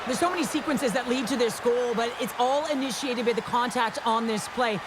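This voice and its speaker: A man's voice: very high voice, fairly quick. A man doing color commentary on a hockey game, explaining each play emphatically. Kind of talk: analytical sports game commentary. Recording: loud arena crowd noise behind. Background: hockey arena crowd and rink noise.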